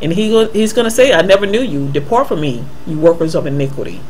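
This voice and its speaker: Man, earnest halting bible commentary, slightly high voice, faint hiss behind. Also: lively intonation, darkish tone, poor audio. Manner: earnest, halting, with fillers and restarts. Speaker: video host answering viewer email. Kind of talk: unscripted Bible commentary voice-over.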